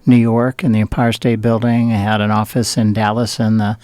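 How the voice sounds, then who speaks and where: Speaking a little fast in a lowish, level, slightly mellow voice, this older Southern Californian man is being interviewed, with no echo in the recording. He drifts through stories, often restarting and using fillers.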